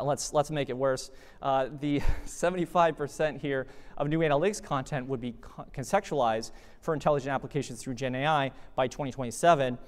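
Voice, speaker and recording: Man presenting in a reverberant hall. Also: medium pitch. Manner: conversational, animated, frequent fillers. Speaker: conference presenter. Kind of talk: conference talk. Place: conference hall.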